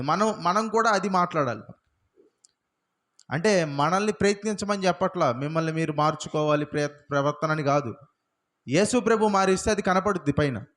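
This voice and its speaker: Slightly high-voiced man preaching a sermon. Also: a bit bright. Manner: fires rhetorical questions at the congregation; punctuates points with repeated hallelujahs. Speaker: pastor.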